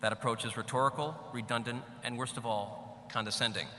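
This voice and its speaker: A middle-aged man delivers a commencement address in a big hall, his voice ringing back with a long echo. His tone is very bright and forceful, cut with wry asides. A faint hum sits under the room. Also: medium pitch, steady tone, fairly quick. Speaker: commencement speaker. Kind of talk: graduation speech. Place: large hall.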